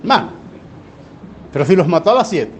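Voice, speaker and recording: A high-voiced male pastor teaching a church class in a folksy, storytelling way. He fires rhetorical questions at the congregation, and the live church recording has a faint hum of background noise. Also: big pitch swings, brisk. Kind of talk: sermon teaching.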